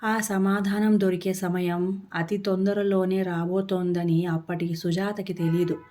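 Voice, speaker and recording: A woman storyteller reading a family story aloud with steady, expressive narration. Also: on the low side, a little slow.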